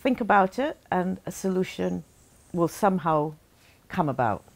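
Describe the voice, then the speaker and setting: Low-voiced Barbadian woman reminiscing. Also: animated, creaky. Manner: halting and heartfelt, many pauses and restarts. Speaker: interviewee, daughter remembering her late mother. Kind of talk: reflective interview talk.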